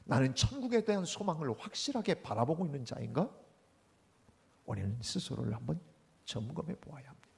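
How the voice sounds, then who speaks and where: Male pastor preaching in a church, high-pitched and gravelly, animated storyteller. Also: brisk. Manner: animated storytelling, acting out the people in his anecdotes. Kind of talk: Sunday sermon. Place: church sanctuary.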